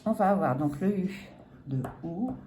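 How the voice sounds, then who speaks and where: On camera, a woman with a lowish, expressive voice scratches a lottery ticket at an unhurried pace, chatting casually and laughing at herself apologetically. She's a scratch-card vlogger filming on a phone or camera, with a noisy background.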